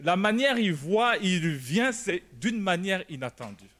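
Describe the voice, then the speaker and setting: Animated, high-voiced storytelling pastor. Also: male voice, measured pace. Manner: animated storytelling, laughing and shouting at dramatic moments. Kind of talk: sermon with personal story. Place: church prayer meeting.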